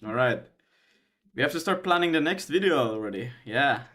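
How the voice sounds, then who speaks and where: A man's voice: medium pitch, lively intonation, normal speed, a bit bright. A man with a Swedish accent hosting a casual coding video, thinking aloud with trailing restarts as he works.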